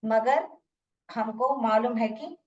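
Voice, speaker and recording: A woman teaches a phonics lesson, breaking words into sounds one piece at a time. She speaks very slowly in a fairly high voice. The recording is muffled and she sounds far from the mic. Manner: mixes Hindi with English teaching phrases.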